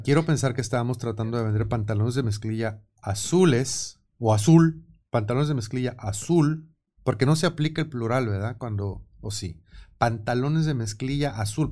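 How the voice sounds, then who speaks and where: A man with a Mexican Spanish accent hosting a casual radio studio chat, talking in quick, animated bursts. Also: mid-range voice. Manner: animated, quick, laughing often. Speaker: radio show host.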